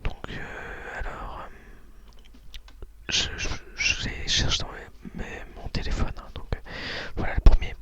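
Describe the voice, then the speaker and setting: This is a woman's ASMR whisper, soft and breathy, slow-paced and tentative. She hosts talk and poetry readings.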